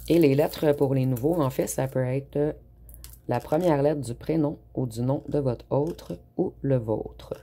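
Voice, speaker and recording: A tarot reader, giving an unhurried spoken reading with frequent hesitant pauses. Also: medium pitch, dark tone.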